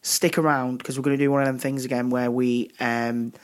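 A man's voice: medium pitch, little pitch movement, fairly quick. A man hosting a podcast, chatting loosely with lots of restarts and fillers. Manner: rambling, many restarts and fillers. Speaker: podcast host. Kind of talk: casual chat.

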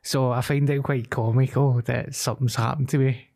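A man's voice: mid-range voice, flat delivery, normal speed, gravelly, a little mellow. A man with a Glaswegian accent, co-hosting a podcast and casually telling sweary anecdotes in slang, drawing the story out. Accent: Glaswegian Scottish. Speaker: podcast co-host.

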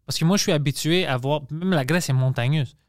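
A podcast host and stand-up comedian from Montreal, Canada, chats casually in halting, non-native Quebec French, swearing and peppering it with English slang. His male voice is fairly high, recorded in a clean studio with no room sound.

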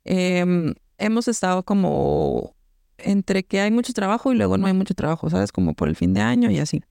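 A Mexican woman co-hosting a podcast, telling a story in casual chat with lots of slang and an animated manner. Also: medium pitch, normal speed, gravelly, no room sound, clean studio sound. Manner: animated, slangy, acts out voices in anecdotes. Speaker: podcast co-host.

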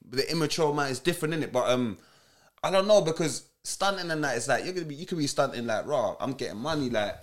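A man's voice: on the high side, expressive, quick pace. A man with a London roadman accent and heavy street slang, debating casually in conversation.

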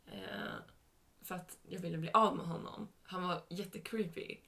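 A woman's voice: fairly low pitch, fairly even intonation, gravelly, a bit bright. A young woman telling a story in casual podcast chat, with a chatty manner and dialogue retold. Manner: retells events in a chatty way with quoted dialogue. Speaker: podcast co-host.

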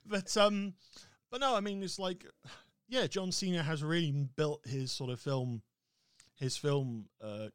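A man's voice: on the high side, measured pace, fairly bright tone, clean tone, no echo, studio quality. A man co-hosting a podcast in casual chat, laughing often and restarting his sentences. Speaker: podcast co-host.

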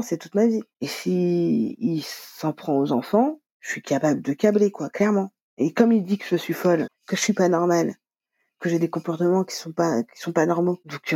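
A woman's voice: fairly low pitch, warm tone, husky, no room sound. A woman telling her own story in a conversational interview, quoting dialogue, with many fillers. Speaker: guest. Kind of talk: personal testimony interview.

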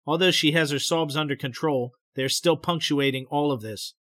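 A man's voice: fairly high pitch, fairly bright tone. Man narrating a paranormal story. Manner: measured, recounting. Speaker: podcast host.

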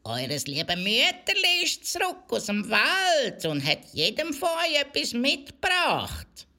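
A woman's voice: sits high, huge pitch swings, takes it slowly, pushed and bright, full character voice. A woman with a Swiss German accent voicing a sly wolf who fakes a sweet, coaxing mother's voice. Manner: sugary, coaxing.

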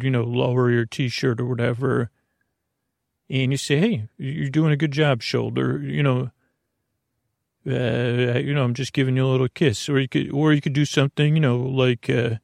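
A man hosts a bedtime podcast, wandering through a whimsical, silly monologue and often hesitating or cutting himself off mid-thought. His mid-range voice has vocal fry, recorded with studio quality and no echo.

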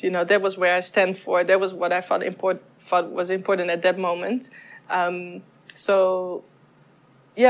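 A woman from the Netherlands, a photographer, answering interview questions in a thoughtful, soft-spoken way with frequent pauses and restarts. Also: mid-range voice. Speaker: photographer guest.

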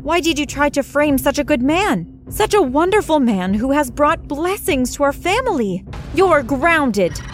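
A woman's voice: on the high side, animated, normal speed, lightly acted. A woman voicing a devout, easily upset mother who scolds her daughter. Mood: scolding. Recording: music playing behind.

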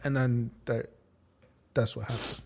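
A man's voice: mid-range voice, level tone, measured pace, creaky. A young man joking casually in a group chat, slangy and often saying dude.

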